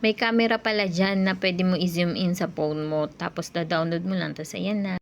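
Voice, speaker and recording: A young woman in a casual personal vlog, talking in a soft, rambling, confiding way. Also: fairly low pitch, fairly even intonation, moderate pace, vocal fry, lo-fi sound, slight background noise. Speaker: vlogger.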